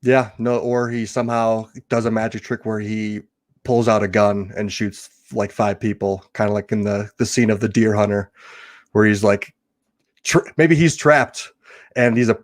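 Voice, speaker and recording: A young man with a mid-pitched voice chats on a casual podcast, rambling through his ideas and laughing often. He talks in an animated, loose way among friends. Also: moderate pace. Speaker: podcast co-host. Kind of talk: casual comedic podcast chat.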